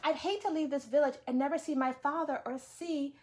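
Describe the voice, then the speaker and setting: A gentle young woman musing about home in a soft, wistful tone, as a woman reads her aloud. Fairly high and unhurried. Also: fairly even intonation, lightly acted.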